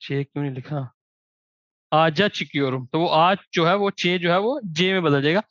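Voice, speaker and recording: A man teaching grammar as a language teacher, giving examples in slow, drawn-out words between quicker explanation. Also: a little high, fairly bright tone, no echo. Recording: dry, dull lo-fi recording.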